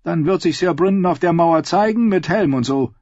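Dude doing a sneery high young lord, scheming, dry dull sound. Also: male voice, moderate pace, a little mellow, no room sound, natural voice. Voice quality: snide, hissing. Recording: dull lo-fi recording.

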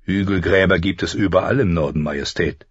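Male narrator as a cool, stern lord, husky voice, dull lo-fi recording. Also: low voice, fairly quick, dry recording. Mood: calm. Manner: calm, restrained, cool. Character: grave reserved northern lord, dutiful and stern. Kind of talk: audiobook character voice.

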